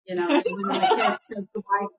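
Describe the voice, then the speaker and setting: A woman's voice: medium pitch, lively intonation, a little fast, echoey room, background noise. Playful woman co-host, lo-fi chat. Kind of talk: casual patio chat. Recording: dull lo-fi sound.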